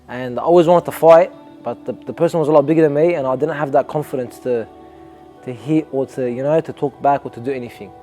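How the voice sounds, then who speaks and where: Over soft background music, a young Australian amateur boxer reflects earnestly in a documentary interview, frequently starting his sentences over. He has a mellow, medium-pitched voice and speaks at a quick pace.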